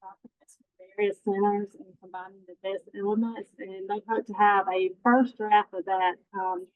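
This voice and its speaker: A woman's voice: medium pitch, fairly even intonation, normal speed, dry recording. A woman giving a committee report over a remote call, her voice muffled and underwater-sounding through a headset, with a plain, apologetic delivery. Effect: muffled, underwater-sounding remote headset audio. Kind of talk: reading a meeting report.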